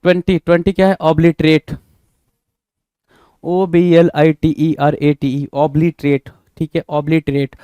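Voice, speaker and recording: Man drilling vocabulary in a dry, mellow voice. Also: a little high, level tone, measured pace, clear, resonant tone, dry recording. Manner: repetitive, spells words letter by letter, quizzing the viewer; mixes Hindi and English. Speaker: English vocabulary teacher. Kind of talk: exam-prep vocabulary lesson.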